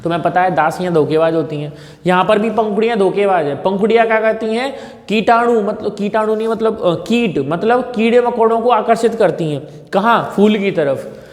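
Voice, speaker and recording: A man teaching a class, drilling terms over and over with quick questions and corrections. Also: sits high, echoey room, in a large hall. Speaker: tutor.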